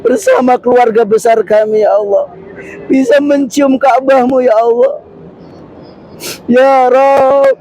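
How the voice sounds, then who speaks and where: A man's voice: very high-pitched, mellow, rough recording. A man leading pilgrims in a long, impassioned prayer, pleading in repeated refrains, a father and husband himself. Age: adult, a father and husband. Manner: chanted Arabic prayer, then tearful pleading refrains in Indonesian. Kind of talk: impassioned supplication. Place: large mosque courtyard, in public.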